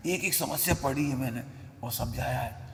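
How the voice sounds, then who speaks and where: A man's voice: medium pitch, normal speed, creaky, slight background noise. Blunt male preacher in echoey hall. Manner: blunt, scolding, emphatic. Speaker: religious teacher. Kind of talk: sermon. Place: temple hall. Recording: echoey hall with long reverb.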